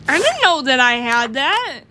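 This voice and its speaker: A woman's voice: sits high, sing-song, a little slow, noisy background. A woman giving casual gameplay commentary, rambling as she lists items aloud and giggles often. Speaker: gamer.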